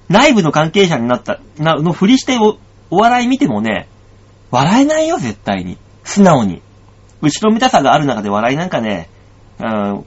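A comedian hosting a radio show tells a story in casual chat, animatedly acting out the dialogue. He has a high voice with a breathy edge, and the recording sounds dull and lo-fi.

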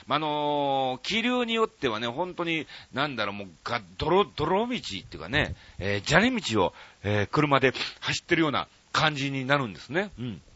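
Lively chatty man with a lilt. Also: mid-range voice, no room sound, dull audio. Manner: lively, chatty, quick asides and comebacks between letter lines. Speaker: radio show host. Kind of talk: casual radio chat reading listener letters. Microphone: studio microphone.

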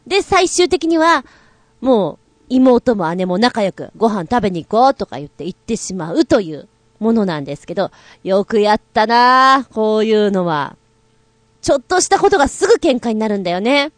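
A woman's voice: mid-range voice, dry recording. Female co-host with a bouncy, playful delivery and a dry, close sound. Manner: animated, playful storytelling with giggles; acts out quoted lines in exaggerated voices. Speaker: radio show co-host. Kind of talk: casual chat.

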